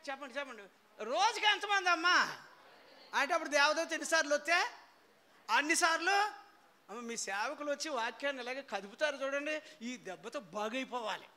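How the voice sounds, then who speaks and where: A man preaching a sermon as pastor, quizzing his congregation in call-and-response and swinging from low storytelling to shouted praise. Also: animated, fairly quick. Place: church hall before a congregation.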